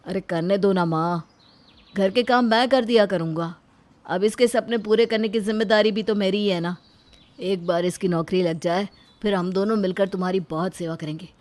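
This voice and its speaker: A woman's voice: medium pitch, steady tone, normal speed, darkish tone, natural voice. Woman voicing a devoted young husband. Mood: eager. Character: young male husband, humble peon, devoted. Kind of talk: animated story voice acting.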